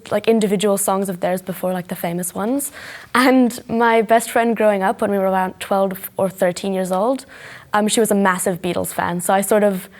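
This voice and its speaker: An eighteen-year-old woman from South Africa, chatting casually with many fillers. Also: mid-range voice. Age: young adult. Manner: chatty, lots of "like". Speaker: interviewee. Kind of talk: casual chat.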